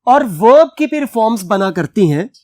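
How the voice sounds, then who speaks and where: An English teacher who reads a text aloud slowly, explains it at length and spells words out letter by letter. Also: mid-range voice, big pitch swings, a little mellow, dry recording.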